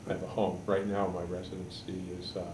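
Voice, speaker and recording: A man in his sixties from Connecticut, a political candidate giving halting, measured answers in an editorial board interview. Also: low-pitched, completely flat delivery. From Connecticut, USA. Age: 60s. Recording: echoey room, mic far off, background noise.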